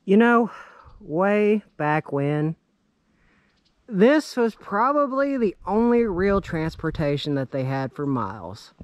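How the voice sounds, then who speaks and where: With a high, very animated voice delivered at a slow pace, a man in his thirties hosts a casual exploration vlog, handheld camera in tow, through woods around an abandoned railway. He sounds awestruck and exclaims often. There's no echo.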